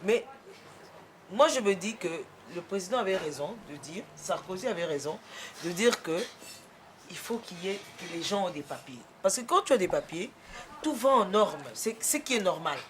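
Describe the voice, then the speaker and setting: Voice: mid-range voice, animated, normal speed, background noise. An interviewee explaining things patiently and at length in a casual talk.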